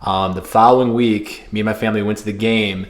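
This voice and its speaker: A man's voice: on the low side, steady tone, fairly quick. A man in his thirties co-hosting a casual sports podcast, telling rambling stories full of fillers and restarts. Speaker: podcast co-host. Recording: roomy echo.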